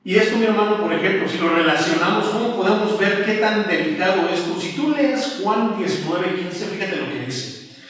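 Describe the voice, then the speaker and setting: Mexican pastor preaching in an echoey hall. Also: male voice, sits high, expressive, normal speed, fairly bright tone. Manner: emphatic, colloquial preaching, addresses listeners as brother. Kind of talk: sermon. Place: church. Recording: echoey church hall from far off.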